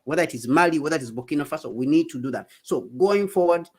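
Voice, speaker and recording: A man's voice: fairly high pitch, lively intonation, quick pace, slightly rough. A man from South Africa giving impassioned, repetitive political commentary as co-host of a livestream. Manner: emphatic, repetitive, rallying tone. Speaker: co-host of a Pan-African talk stream.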